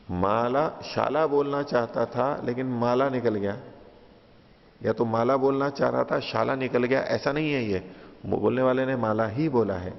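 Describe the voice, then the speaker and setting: A man with a gravelly, creaky voice teaches scripture line by line, reciting a verse and then patiently restating its meaning. The recording is dull and lo-fi, with a long hall reverb trailing behind his words. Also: mid-range voice. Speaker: teacher of philosophy.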